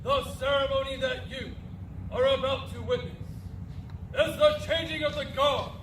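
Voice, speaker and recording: A man, a military honor guard, making a formal ceremonial announcement over a public loudspeaker in a crisp, measured, commanding way. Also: very high voice, fairly even intonation, slight background noise. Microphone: far from the recording camera. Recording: echoey distant loudspeaker outdoors.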